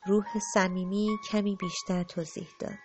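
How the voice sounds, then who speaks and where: A woman narrating a storybook audiobook in a calm, measured, gentle way. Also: mid-range voice, music in the background.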